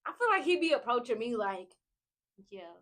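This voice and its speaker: A woman's voice: a little high, sing-song, normal speed, fairly bright tone. A woman, co-hosting a casual faith podcast, talking expressively and chiming in often. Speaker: podcast co-host.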